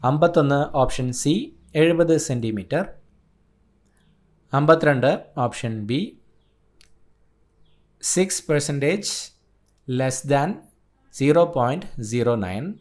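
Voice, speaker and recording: Man briskly reading an answer key. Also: medium pitch, a little mellow. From Kerala, India. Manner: brisk, listing answers in short clipped phrases. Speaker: exam coaching tutor.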